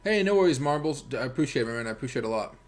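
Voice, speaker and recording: This American livestream host, who also trades crypto, speaks in a mid-range voice that's animated and rapid-fire. He keeps up casual, meandering commentary aimed directly at his audience.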